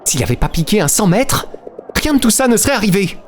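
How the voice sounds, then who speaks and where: Man doing a shrill, bratty young woman. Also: big pitch swings, quick pace, faint music behind. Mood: indignant. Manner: indignant, accusing. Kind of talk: voicing game dialogue.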